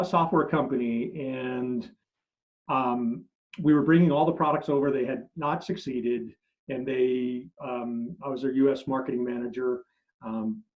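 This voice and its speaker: Through muffled, lo-fi audio, a middle-aged native German speaker answers interview questions as a marketing expert, telling stories animatedly. He restarts frequently, and his phrases trail off low at the end.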